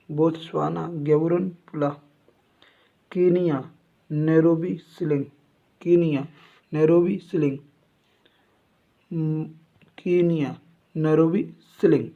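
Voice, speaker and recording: A male teacher reciting a general knowledge lesson, saying each item twice like a memory drill. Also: on the high side. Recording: tinny phone-like sound.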